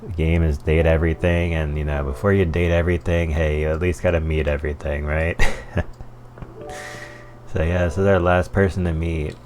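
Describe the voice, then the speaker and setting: A man's voice: very deep voice, fairly even intonation, fairly quick, hardly any pauses, a little mellow. A man hosting a game playthrough with casual commentary and wry muttered asides. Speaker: gaming playthrough host.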